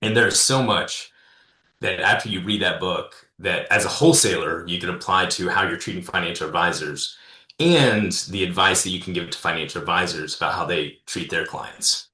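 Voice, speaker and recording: A man's voice: low-pitched, moderate pace, pushed and bright, echoey room. A man, a consultant and speaker, telling stories in a casual interview, rambling with many fillers and restarts.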